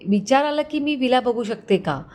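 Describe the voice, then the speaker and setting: A woman's voice: sits high, expressive, normal speed, darkish tone, voice pushed up. A woman voicing a shy, hesitant young woman who stammers in a spoken story.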